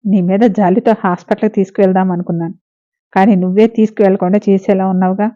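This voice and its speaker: A woman reading the lines of a gruff young man, curt and scolding but caring underneath. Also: medium pitch, level tone, quick pace, warm tone, close to an everyday voice. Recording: narrow phone-like lo-fi sound.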